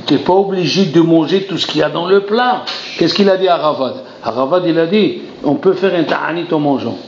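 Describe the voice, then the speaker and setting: Animated rabbi teaching in a roomy hall. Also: male voice, a little high, brisk, slight background noise. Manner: animated, theatrical, acts out dialogues, exclaims "aïe aïe". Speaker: rabbi teaching a Torah class. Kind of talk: lively French Torah lesson. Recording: roomy lo-fi recording with faint ambience.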